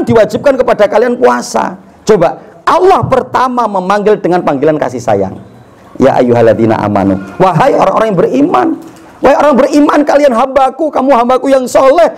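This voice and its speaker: Young guy preaching, high voice that jumps all over, keeps asking the crowd questions. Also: low-quality recording. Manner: animated, poses rhetorical questions and acts out family dialogues. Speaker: Islamic preacher. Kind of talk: sermon.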